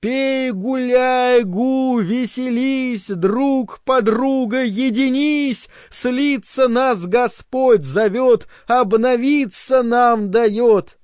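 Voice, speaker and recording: A synthetic bass chants a ritual song in a steady, pounding rhythm, as a male audiobook reader sings it out. The words come slow and stretched, set higher than the reader's usual voice, and the sound is dry and close. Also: no room sound, heavily acted. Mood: ecstatic. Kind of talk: audiobook reading.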